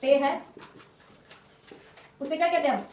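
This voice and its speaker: A woman tutor with a sore throat, teaching loudly and drilling students through repetition. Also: sits high, a little slow, a little hiss or hum. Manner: loud, repetitive drilling, call-and-response. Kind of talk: classroom lesson with call-and-response. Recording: echoey room, mic far off.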